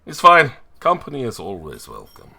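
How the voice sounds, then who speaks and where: Man playing a lively Slavic-accented boy adventurer. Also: medium pitch, moderate pace, gravelly, breathy edge, pitched above the performer's own voice, full character voice. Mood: dejected. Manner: clipped grammar, dropped articles, dry complaints. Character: eager twelve-year-old boy guide, adventurous, chatty.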